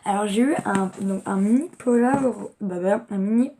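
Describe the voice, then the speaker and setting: A woman's voice: mid-range voice, moderate pace, background noise. A young woman chatting casually as she unboxes gifts in a home vlog, rambling with lots of fillers. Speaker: vlogger.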